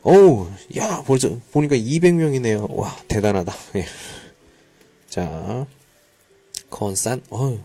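Leading a live online Korean lesson, this male teacher chats with learners, mixes in Mandarin words, and frequently murmurs short acknowledgments. He speaks slowly in a mid-range voice that is animated, mellow and husky.

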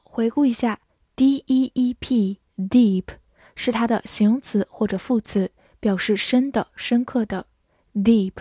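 A woman teaching English vocabulary in a scripted lesson, spelling words letter by letter and reading example sentences slowly for learners to repeat. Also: a little high, dark tone, breathy edge, no room sound, clean studio sound.

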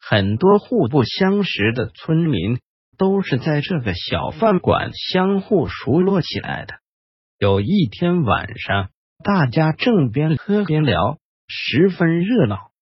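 Slow, husky male ghost-story narrator. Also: no echo, lo-fi sound. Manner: slow, hushed storytelling with lively pitch. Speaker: host and storyteller.

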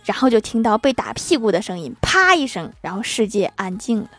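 A young woman with a slightly high voice tells everyday funny anecdotes in a relaxed, chatty way. She delivers each punchline flat and dry. Faint music plays underneath. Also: brisk. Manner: deadpan punchlines. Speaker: storyteller. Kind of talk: casual comic anecdotes.

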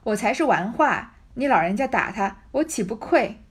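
A woman voicing a proud, sharp-tongued young maid. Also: a little high, lively intonation, moderate pace, breathy edge. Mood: apologetic. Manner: curt, loud retorts.

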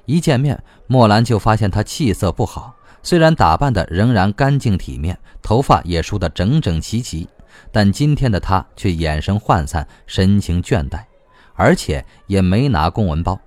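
A man reading a novel aloud as an audiobook narrator in measured, scripted narration. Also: fairly low pitch, lively intonation, a little mellow, no room sound.

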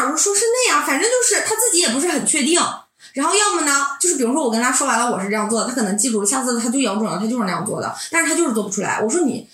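A woman in her twenties, a doctoral student, telling a candid personal story in an animated, sometimes heated way. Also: high-pitched. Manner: animated, heated, then reflective. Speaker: doctoral student recounting mentoring. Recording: roomy echo.

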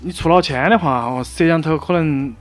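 A man's voice: fairly high pitch, normal speed, faint music behind. A man with a Sichuan accent chatting casually and explaining things in colloquial speech. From Chengdu, China. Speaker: guest who studied in Australia. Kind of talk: casual chat.

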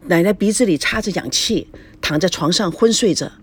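A narrator giving a steady, expressive scripted reading of a family drama story. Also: medium pitch, normal speed, slightly rough.

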